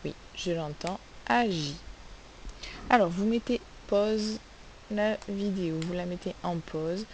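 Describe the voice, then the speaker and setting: Woman teacher, phonics lesson, slow pace, lowish voice, faint hiss. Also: a little mellow, low-quality recording. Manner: slow, carefully spelled-out sounds, asks questions.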